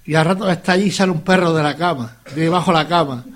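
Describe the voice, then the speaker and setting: High-voiced man, hesitant host. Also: quick pace. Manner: hesitant, repeats words while recalling. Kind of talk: casual chat.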